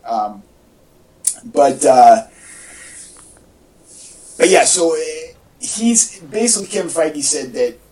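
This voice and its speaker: On this echoey home podcast, a co-host with a higher, sing-song voice chats about superhero movies slowly, pausing often. His tone is a little mellow, and the distant, off-mic audio matches his enthusiastic, rambling fan talk.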